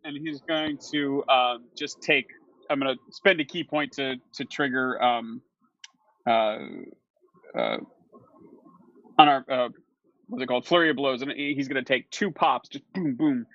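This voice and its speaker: Gravelly man hesitating through his turn. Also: medium pitch, measured pace, pauses often, fairly bright tone, no echo. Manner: hesitant, many ums. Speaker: player. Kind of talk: tabletop game play. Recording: dull lo-fi recording.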